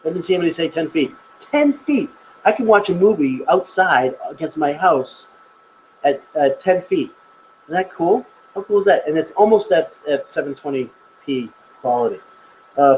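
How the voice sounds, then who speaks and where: A man's voice: a little high, a little mellow, lo-fi sound, slight background noise. A man presenting on a live stream, answering viewer questions in a chatty, rambling way and laughing at himself. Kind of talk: casual live Q&A. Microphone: webcam or laptop mic on a live stream.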